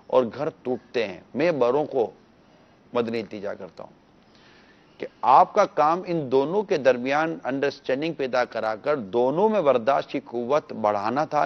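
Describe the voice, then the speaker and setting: A man's voice: mid-range voice, highs cut off. A man speaking as a religious scholar on a TV panel, earnestly pleading with viewers and teaching through parables.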